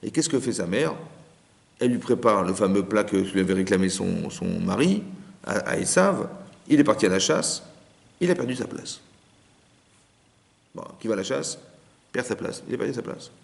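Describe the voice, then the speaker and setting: A man's voice: lowish voice, animated, normal speed, creaky, long pauses. A man, a rabbi, giving a Torah lesson, telling the story with acted-out dialogue and rhetorical questions.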